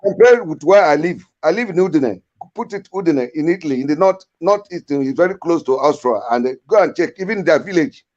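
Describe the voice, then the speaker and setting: A man's voice: on the high side, expressive, brisk, few pauses, a little mellow. Emphatic Nigerian man on a lo-fi line. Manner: emphatic, repetitive, interrupting. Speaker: caller. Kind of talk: heated political debate.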